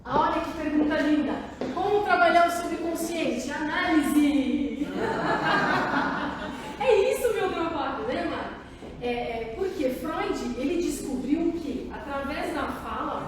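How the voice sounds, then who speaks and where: A woman's voice: high voice, a little hiss or hum. A Brazilian woman psychoanalyst giving a conversational public talk, often asking the audience questions. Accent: Brazilian Portuguese. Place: large meeting hall. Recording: very echoey hall, voice far from mic.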